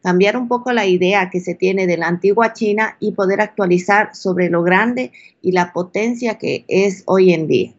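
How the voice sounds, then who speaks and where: Female lawyer from Ecuador, steady explainer, dull lo-fi audio. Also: medium pitch, normal speed, hardly any pauses. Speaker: lawyer and business consultant. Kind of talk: interview answers.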